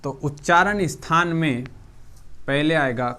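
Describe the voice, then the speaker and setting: A man teaching an exam-prep lesson, slowly repeating each term so students can write it down. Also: a little high, sharp tone, clean tone.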